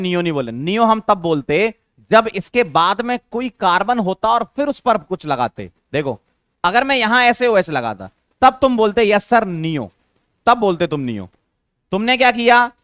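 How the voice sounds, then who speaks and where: High-voiced man teaching chemistry. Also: sing-song, moderate pace, a bit bright, no room sound, studio quality. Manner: coaxing, asks students questions and repeats key terms. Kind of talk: classroom lecture.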